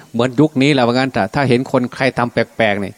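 A Buddhist monk giving a Dhamma talk preaches fast in a mid-range voice, telling a scripture story in colloquial, unscripted speech. He acts out the dialogue himself in his own voice.

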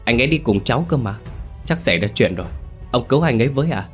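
A man's voice: medium pitch, lively intonation, quick pace, soft background music, pitched above the performer's own voice, natural voice. A man voicing a frightened young boy who pleads hurriedly and politely. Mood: anxious.

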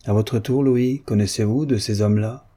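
A man's voice: on the low side, fairly even intonation, normal speed, mellow, husky. A man voicing a proud, hurt young woman in disguise. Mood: reproachful. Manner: pleading, reproachful.

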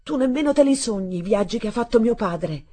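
A woman voicing a hot-tempered boy who shouts in anger to defend his father. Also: fairly low pitch, expressive, a little slow, husky, heavily acted. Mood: furious.

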